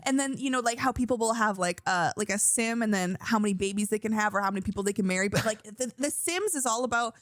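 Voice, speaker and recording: A woman's voice: mid-range voice, fast talker, few pauses, no echo, clean studio sound. A young woman co-hosting a casual podcast chat, bubbly and giggly, peppering her talk with "like". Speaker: podcast co-host.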